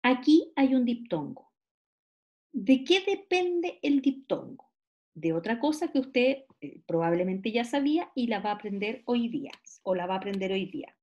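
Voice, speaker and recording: Woman teacher, slow explaining. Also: fairly high pitch, animated, highs cut off. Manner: explains slowly, stretches example words, asks rhetorical checks. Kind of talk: classroom lecture.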